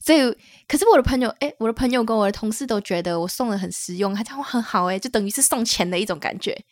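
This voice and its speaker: Woman, Malaysian Mandarin accent, slightly high voice, casual podcast chat, English words mixed in, dry recording. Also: expressive, fast talker, dry recording. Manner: mixes English words into speech. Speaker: podcast co-host.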